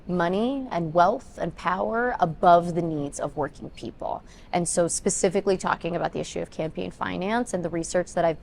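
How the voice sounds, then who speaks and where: Twenties woman, political candidate, low creaky delivery, earnest long answers, faint background noise. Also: darkish tone. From Ethiopia, raised in Denver. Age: 20s. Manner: earnest, talks in long run-on points with many ums. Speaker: congressional candidate.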